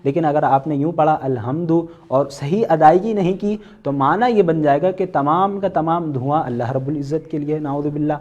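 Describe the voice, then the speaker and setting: A man with a Pakistani Urdu accent teaching an online Quran recitation class, patiently explaining and slowly sounding out letters as examples. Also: fairly high pitch, darkish tone, lo-fi sound. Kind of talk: online tajweed lesson.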